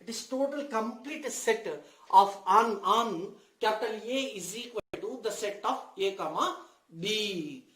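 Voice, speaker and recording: A man with a high-pitched voice teaches a class at the board. He dictates slowly, phrase by phrase, often repeating himself. The room rings with echo around his words. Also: a bit bright. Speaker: mathematics teacher. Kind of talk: board lesson for senior school students. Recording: echoey room sound.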